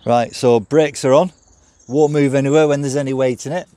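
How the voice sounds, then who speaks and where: Man, 50s, mellow warm voice, product demo, outdoors, step-by-step. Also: mid-range voice, steady tone, moderate pace. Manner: practical, step-by-step explaining while handling the cart. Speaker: product reviewer. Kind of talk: hands-on product demonstration. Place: outdoors on a gravel yard by a stone house.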